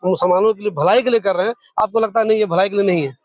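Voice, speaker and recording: Fast-talking male street interviewer. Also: sits high, dry recording. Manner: probing, quick questions. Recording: dull lo-fi sound.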